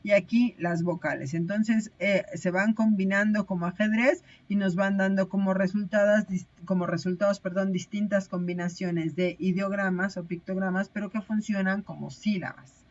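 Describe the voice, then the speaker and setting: A woman's voice: mid-range voice, steady tone, normal speed, lo-fi sound. A woman teaching a recorded online lecture, explaining step by step with frequent hesitations and self-corrections.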